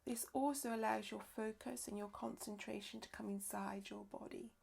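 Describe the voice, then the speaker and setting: A woman leading a live-streamed yoga nidra session as teacher and therapist, speaking softly and slowly, often dropping into a whisper. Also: on the high side, steady tone, gravelly, slightly rough. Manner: soft, slow, often whispered delivery. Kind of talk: live-streamed guided relaxation instruction.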